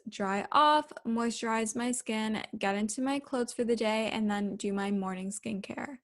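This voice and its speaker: A woman casually narrating her daily routine like a lifestyle vlogger, chatty and explanatory. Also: medium pitch.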